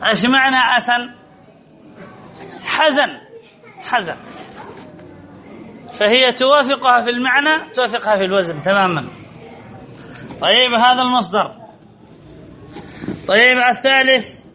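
A man's voice: very high-pitched, pushed and bright. A man teaching Arabic grammar in a classroom, quizzing students and repeating key answers as drills, on a dull lo-fi recording. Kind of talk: classroom lesson with questions to students.

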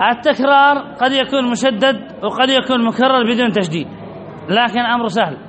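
A man's voice: very high voice, a bit bright, a little hiss or hum, rough recording. A man teaching word patterns to a class, repeating key points and answering his own questions. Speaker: Arabic grammar teacher.

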